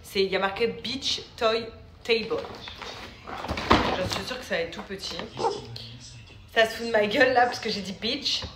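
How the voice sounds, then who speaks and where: Speaking at a normal pace with long pauses, a medium-pitched woman vlogs from inside her home, joking and laughing with family members while being easily exasperated. Loud noise fills the echoey recording space.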